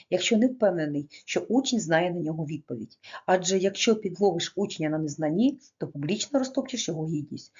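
Woman lecturer, earnest and measured, mellow tone. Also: on the low side, breathy edge, highs cut off. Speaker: education lecturer. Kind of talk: prepared lecture reading.

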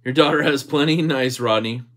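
A man's voice: mid-range voice, moderate pace, fairly bright tone. A man hosting a livestream, casually reading and answering viewer comments in a jokey, easygoing way. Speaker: livestream host.

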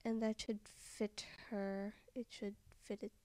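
A soft-spoken woman giving a software tutorial voice-over, often trailing off into a whisper. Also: mid-range voice, flat delivery, slow, no room sound.

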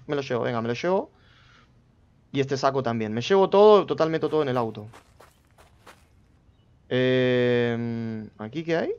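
A man giving casual gameplay commentary, chatting to himself and his viewers with sudden loud outbursts. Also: a little high, smooth, muffled recording. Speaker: gameplay streamer.

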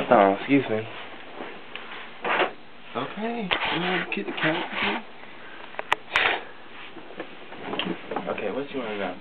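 A man with a natural, mid-range voice plays a sassy, flamboyant young male cousin telling a boastful, tough story in a comedy skit. It was recorded in a basement, and the audio is tinny and lo-fi with hiss.

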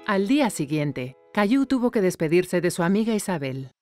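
A woman's voice: on the low side, big pitch swings, moderate pace, a little mellow. A woman narrating a scripted children's cartoon story. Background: music.

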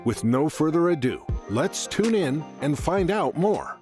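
A man reads a scripted podcast intro in a smooth, upbeat voice with lively rises and falls. Clear music plays behind him throughout. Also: on the high side, a little slow. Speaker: announcer.

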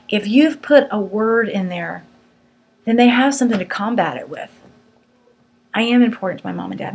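Earnest woman teaching, slightly husky. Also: medium pitch, darkish tone. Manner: earnest, firm and conversational. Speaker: Bible teacher. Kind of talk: teaching a small group.

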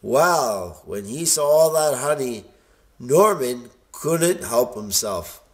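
A man reading a children's picture book aloud in a lively, expressive way. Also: medium pitch, slow pace. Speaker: storybook reader.

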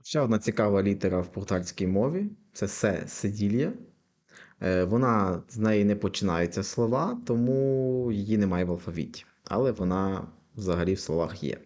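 Low-voiced man teaching a language lesson. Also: animated, a little mellow. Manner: repeats example words slowly, patient explaining.

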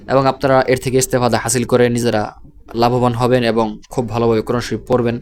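Male Quran reading teacher, slow and measured, level monotone delivery, repeats each syllable. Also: medium pitch. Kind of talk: slow spelled-out recitation lesson.

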